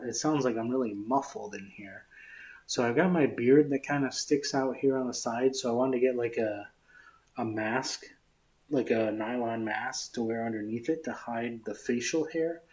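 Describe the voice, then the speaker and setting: A man's voice: medium pitch, darkish tone. A man streaming live as a magician, chatting casually while his voice comes out muffled from inside a tight full-face rubber mask. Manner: rambling, self-talking, trailing off into mumbles.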